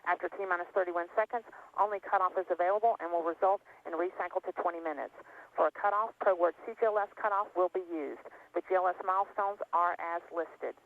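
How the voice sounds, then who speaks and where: Male launch controller, quick formal procedural delivery, narrow phone-like radio sound. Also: high voice. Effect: radio intercom. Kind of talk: formal scripted procedural briefing. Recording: tinny phone-like radio loop.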